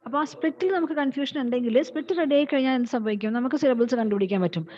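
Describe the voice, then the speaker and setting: A woman's voice: sits high, rapid-fire, warm tone. A woman with a Malayali accent giving an online English lecture, patiently explaining each point and repeating example words while mixing English and Malayalam. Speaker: college English teacher. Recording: dull lo-fi audio.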